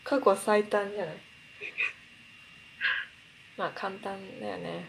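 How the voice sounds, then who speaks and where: A woman from Akita chats casually as a podcast host. Her voice sits at an ordinary pitch and is conversational and informal. Faint room ambience sits behind her. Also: steady tone, slow pace, gravelly, slight background noise, rough recording. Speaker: podcast host who teaches Akita dialect. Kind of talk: casual chat.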